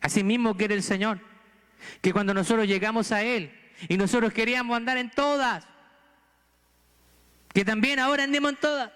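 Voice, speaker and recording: A man's voice: high-pitched, fairly even intonation, moderate pace, pauses often, fairly bright tone, smooth, in a large hall. A man from Chile, a pastor with a Chilean accent, preaching a sermon earnestly and pressing the congregation with rhetorical questions. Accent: Chilean Spanish. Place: church sanctuary.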